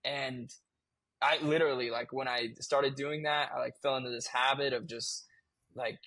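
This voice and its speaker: A man's voice: mid-range voice, steady tone, moderate pace, sharp tone. A man in his twenties, a podcast guest, telling a personal story in casual chat, candid and swearing freely as he restarts his sentences.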